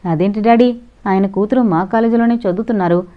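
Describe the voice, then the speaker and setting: A woman's voice: mid-range voice, fairly quick, close to an everyday voice. Woman voicing earnest young male student. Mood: indignant. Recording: dull lo-fi recording.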